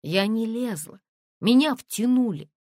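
A woman reading an audiobook and voicing an indignant, pushy young woman who speaks in raised, sharp outbursts. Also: medium pitch, very animated, normal speed, dry recording, studio quality, pitched above the performer's own voice.

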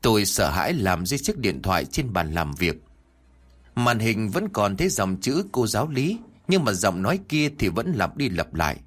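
A man narrating a first-person ghost story in an animated, dramatic way. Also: fairly low pitch, moderate pace.

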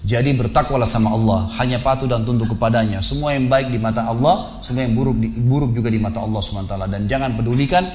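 A man preaching a sermon, telling a moving story with animated, rising delivery when he voices the characters. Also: mid-range voice, fast talker, hardly any pauses, slight background noise.

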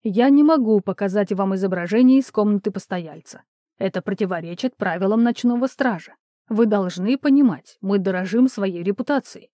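A woman's voice: medium pitch, normal speed, dark tone, no echo, studio quality, close to an everyday voice. A woman voicing a weary hologram night porter. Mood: weary firm.

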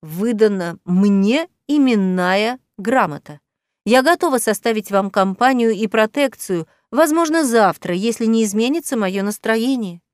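A woman voicing a cheerful, self-assured young woman in an audiobook, lively and gently instructive. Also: a little high, normal speed, hardly any pauses, clean tone, no room sound, studio quality, natural voice. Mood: firm. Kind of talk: audiobook character reading.

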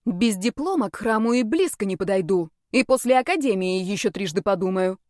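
A woman voicing a stubborn, hot-tempered young witch heroine who protests loudly. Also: medium pitch, lively intonation, unhurried, no room sound, clean studio sound. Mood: indignant. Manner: exasperated, emphatic.

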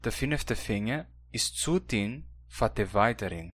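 A language course reader with a Brazilian Hunsrik German accent reads a student's lines from a scripted textbook dialogue in a plain, questioning, learner-like way. His lowish voice is a bit bright with lively intonation, a little slow, recorded dry.

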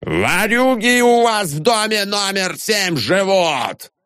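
A man's voice: sits high, expressive, takes it slowly, sharp tone, no echo, studio quality, voice pushed up, full character voice. A man shrieking as a furious brawling janitor. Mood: raging. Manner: shrieking curses.

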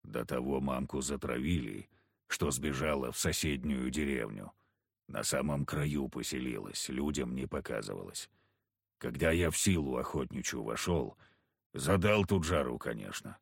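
A man voicing a gruff, sullen big village hunter who grumbles curtly. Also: rumbling low, normal speed, no room sound, studio quality, voice pushed down, exaggerated voice. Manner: grumbling, curt.

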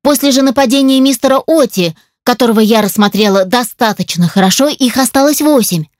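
A woman reading a first-person fantasy audiobook aloud in a firm, steady storytelling voice, recorded on a close studio mic. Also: a little high, fairly quick, dry recording. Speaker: audiobook reader.

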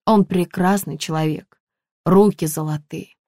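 A woman's voice: lowish voice, fairly even intonation, a little slow, no room sound, studio quality. A woman voicing a frightened, tearful village woman. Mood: pleading. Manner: fussing, pleading, shouting. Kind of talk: audiobook character voicing.

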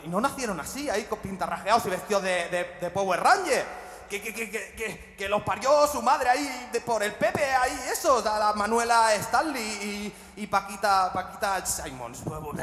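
A man's voice: high-pitched, normal speed, fairly bright tone. A man, a comic singer-songwriter rambling and joking between songs at a live show. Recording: echoey live hall with guitar.

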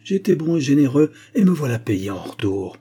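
A man's voice: medium pitch, very animated, normal speed, breathy edge, pitched above the performer's own voice. Man doing a greedy bad-tempered grocer. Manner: snarling, greedy, shouting.

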